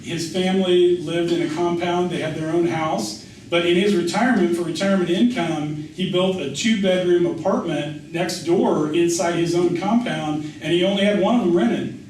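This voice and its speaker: A middle-aged American man, an author and writing teacher at a reading, answers questions informally in a Q&A afterward, telling anecdotes and often restarting and repeating phrases for emphasis. His voice is slightly high and darkish, at normal speed. He is picked up by a distant mic in a very echoey indoor event room, with faint noise.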